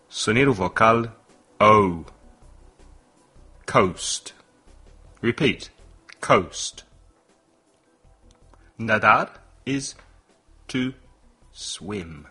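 Slow, husky male English teacher. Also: fairly low pitch, expressive, bright, forceful tone, soft background music. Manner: slow, deliberate vocabulary drills with repetition. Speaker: English teacher and podcast host. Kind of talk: bilingual language lesson podcast.

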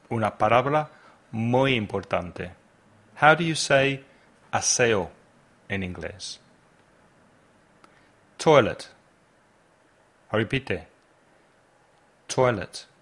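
A language teacher hosts a podcast, giving a slow, deliberate English lesson with drills and patiently prompting listeners to repeat vocabulary after him. His lowish, slightly bright voice moves very slowly, with long pauses.

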